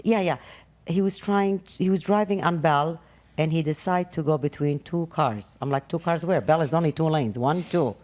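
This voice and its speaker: A woman's voice: low-pitched, moderate pace, a little mellow. A woman from Iraq, a hairdresser and a guest on her son's podcast, telling stories expressively and acting out the dialogue. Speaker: host's mother, hairdresser guest. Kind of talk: casual storytelling.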